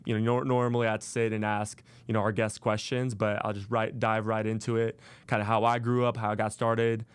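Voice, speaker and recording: A man's voice: fairly low pitch, smooth, no echo. A man in his twenties hosting a podcast alone, telling his story in a casual way with many fillers and restarts. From Las Vegas, USA. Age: 20s. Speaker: podcast host. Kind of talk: solo podcast monologue.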